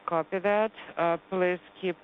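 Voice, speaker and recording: A man's voice: high voice, fairly even intonation, a little slow. Male interpreter's translation voice-over on a tinny loop. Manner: clipped procedural callouts of range and rate. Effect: translation voice-over over a comm loop. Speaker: interpreter translating mission control talk. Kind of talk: live interpretation of docking communications. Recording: tinny phone-like comm loop with faint hiss.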